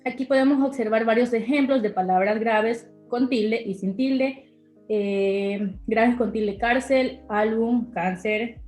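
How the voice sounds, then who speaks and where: A woman's voice: fairly high pitch, slow, darkish tone. A young woman giving a class presentation, hesitant, with many fillers. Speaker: student presenter. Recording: echoey room with faint music.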